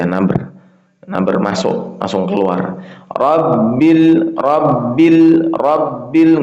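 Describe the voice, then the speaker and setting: A man teaching Quran recitation in a casual lesson, chanting verses long and slow, then explaining them in a relaxed, loose way. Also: fairly low pitch, gravelly. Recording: echoey, dull lo-fi sound.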